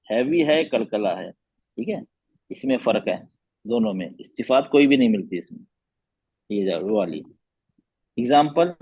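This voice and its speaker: A man's voice: medium pitch, creaky, slightly rough, no echo, muffled recording. A man teaching a Quran recitation class online, patiently repeating letter sounds and quizzing his students.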